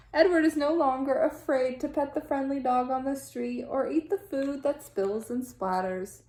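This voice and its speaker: This is an expressive storybook read-aloud for children by a high-voiced woman teacher. She reads in an animated, deliberate way and uses dramatic sound-effect words, and her voice echoes in the room.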